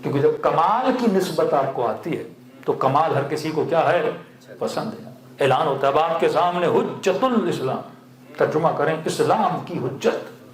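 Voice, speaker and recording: A male cleric preaching to a gathering, with a voice pitched a little above the usual for a man. He tells stories and puts questions to the crowd that he then answers himself, with the odd chuckle. The sound carries around a reverberant hall. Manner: asks the audience questions and answers them himself. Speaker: Shia cleric. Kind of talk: sermon with storytelling. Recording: echoey hall.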